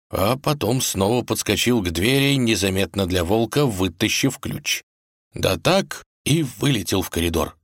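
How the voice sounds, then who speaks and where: A man narrating a fairy-tale storybook in a lively, expressive way. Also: fairly low pitch, dry recording, studio quality. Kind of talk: storybook reading.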